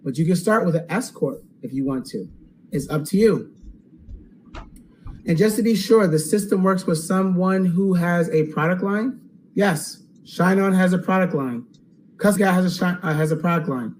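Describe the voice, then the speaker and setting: A man hosting a live webinar Q&A, upbeat and salesy, checking in with "okay?" and going hoarse. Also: high-pitched, moderate pace, a little mellow, slight background noise, low-quality recording. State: losing his voice. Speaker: online course host.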